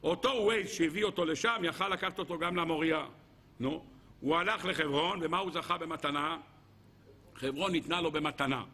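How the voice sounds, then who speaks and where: Animated rabbi, gravelly bright voice. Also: male voice. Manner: animated, asks the listeners questions, swings between loud exclaiming and low asides. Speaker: rabbi giving a Torah lesson. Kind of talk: lively Torah lesson to a live group.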